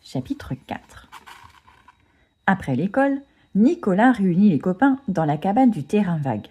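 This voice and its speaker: A woman reading a children's storybook aloud in an expressive way. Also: mid-range voice, normal speed, slightly rough.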